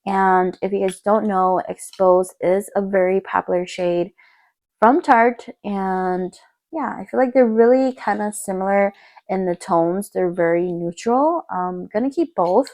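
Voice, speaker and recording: Young woman, beauty vlogger, morning voice, gravelly, chatty, upbeat. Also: mid-range voice, measured pace, darkish tone. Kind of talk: casual makeup declutter vlog. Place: home room by a window in morning light.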